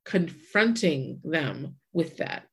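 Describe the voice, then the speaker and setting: This forties woman has a low, breathy voice with lively intonation and takes her time. Chatting casually and earnestly, she reflects aloud and keeps restarting.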